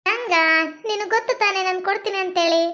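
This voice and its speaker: Woman as sing-song, leering cellmate in a comic skit; high voice. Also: quick pace, fairly bright tone. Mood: taunting. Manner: taunting, sing-song repetition. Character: pushy, leering female cellmate, bossy.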